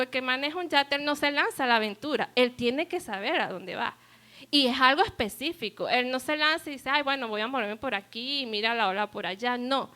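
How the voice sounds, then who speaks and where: A woman's voice: high-pitched, pushed and bright. A woman preaching a sermon at a church service, earnest and asking the congregation rhetorical questions.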